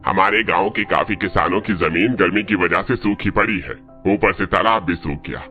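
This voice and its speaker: A worried village man with a low, grave voice, voiced by a man. His voice sounds thin and tinny, as if over a phone line, with music faintly behind it. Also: moderate pace, close to an everyday voice.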